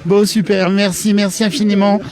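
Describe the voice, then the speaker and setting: A male host with a high voice interviews passers-by live at an outdoor market. He talks in a chatty, joking way and keeps restarting his sentences. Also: flat delivery, normal speed, crowd noise. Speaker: host of a local web TV channel.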